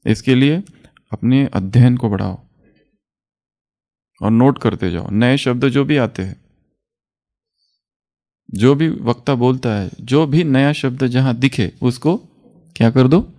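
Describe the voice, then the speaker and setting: A man's voice: mid-range voice, takes it slowly, pauses often, dark tone. Man giving a spiritual class, quizzing listeners. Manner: asks the listeners questions and answers them himself; chuckles often while explaining. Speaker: spiritual teacher.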